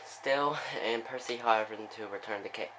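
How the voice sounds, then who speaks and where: A young man giving casual play-by-play commentary on a football video game, with excitable bursts on big plays and chatty asides. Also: lowish voice, moderate pace, background noise.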